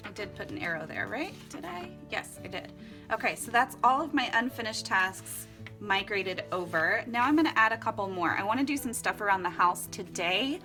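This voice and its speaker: A mid-range voice, pushed and bright, belongs to a young vlogger from Florida and Costa Rica. She chats casually and cheerfully about her journal setup at home, laughing frequently as she narrates.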